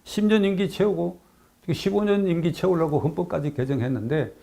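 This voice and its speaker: A man's voice: on the high side, a little fast, gravelly, warm tone. An older man giving a political commentary monologue, emphatic and repeating key phrases, asking rhetorical questions.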